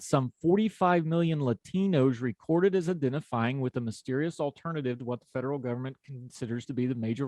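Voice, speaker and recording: The man hosting this conversational interview is from West Virginia, and his folksy talk carries an Appalachian accent. His medium-pitched voice is slightly mellow, captured without any echo.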